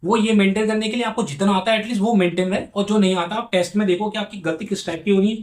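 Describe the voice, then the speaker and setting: A man's voice: sits high, fairly even intonation, darkish tone. A young man from India giving exam-prep advice in a casual, earnest vlog, repeating his points and speaking straight to his viewers. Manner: rapid, earnest, repetitive, addresses viewers as bhai sahab.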